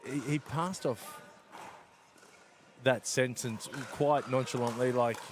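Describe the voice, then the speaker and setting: A man's voice: mid-range voice, slow, noisy background. Chatty co-commentator man. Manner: chatty, relaxed, tells stories between points. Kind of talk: live sports commentary.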